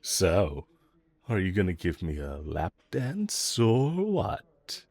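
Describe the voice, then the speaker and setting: A man with a low, slightly mellow voice takes his time in a heavily acted audio roleplay, his pitch swinging hugely. He's an unrepentant, cocky, flirtatious villain who mocks and teases the listener, sarcastic and dismissive, drawling and chuckling. The recording is dry.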